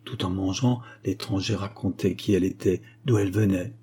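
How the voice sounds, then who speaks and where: A man narrating a classic story in a calm, measured way. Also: low voice, husky. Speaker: audiobook narrator.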